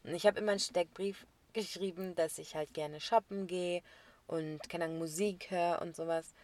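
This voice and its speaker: A young woman chatting casually as a podcast co-host, telling a story with lively laughs and acted-out quotes. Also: on the low side, moderate pace. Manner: animated storyteller, laughs often, acts out quotes.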